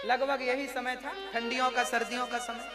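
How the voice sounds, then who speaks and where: A man telling a devotional story as a sermon to his audience, lively and acting out the dialogue. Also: very high-pitched, moderate pace. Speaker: spiritual storyteller. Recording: live sermon with violin music behind.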